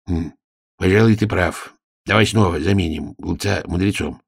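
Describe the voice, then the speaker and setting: A man voicing a pompous, slow-witted king who muses quietly in a storybook reading. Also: sits low, vocal fry, breathy edge, no echo, clean studio sound, heavily acted. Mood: pompous, musing.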